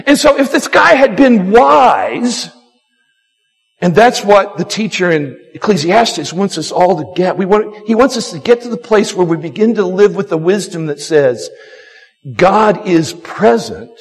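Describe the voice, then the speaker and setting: Animated pastor preaching in a hall. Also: male voice, sits high, moderate pace, slightly rough. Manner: animated, acts out quotes, frequent repetitions. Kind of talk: sermon. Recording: long hall reverb.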